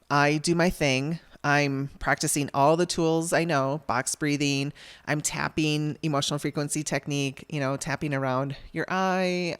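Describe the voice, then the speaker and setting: A woman's voice: sits low, smooth, no room sound. A woman podcast host telling a personal story in a candid, wry way, laughing through frustration and acting out the people she quotes.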